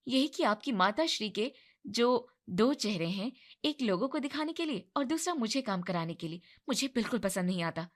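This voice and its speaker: A woman's voice: a little high, lively intonation, normal speed, lightly acted. A woman voicing a tired, put-upon young wife who sounds weary and resentful, in a storybook narration.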